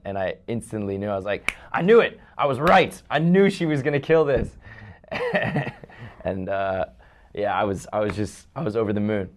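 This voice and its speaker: A man who wrote and directed a film, speaking earnestly and reflectively in an interview. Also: on the low side. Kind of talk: casual interview chat.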